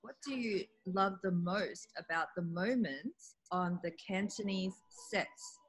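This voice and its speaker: A woman's voice: medium pitch, slow, breathy edge, faint music behind, rough recording. A woman hosting a casual interview over a video call, asking curious, friendly questions. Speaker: interview host.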